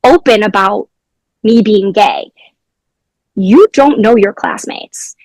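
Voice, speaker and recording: A woman's voice: mid-range voice, slow, a little mellow, no echo. A young adult woman, a former teacher, telling stories from her classroom in a casual interview.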